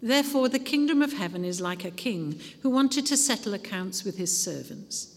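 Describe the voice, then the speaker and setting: Woman reading scripture in a reverberant church. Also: mid-range voice. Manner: measured, expressive reading. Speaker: scripture reader at a church service. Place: church during a service.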